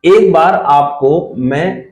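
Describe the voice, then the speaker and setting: A man's voice: a little high, drawn-out words, darkish tone, echoey room, lo-fi sound. A man giving an exam-prep geography lesson, asking and answering his own questions and checking in with listeners as he points things out on a map. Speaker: teacher.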